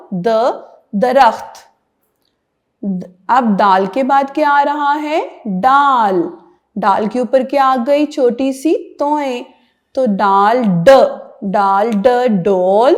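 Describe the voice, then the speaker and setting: A woman with a Pakistani Urdu accent teaching young children the alphabet, slowly sounding out each letter and word in a playful, sing-song way. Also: on the high side. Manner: playful storytelling tone for young learners.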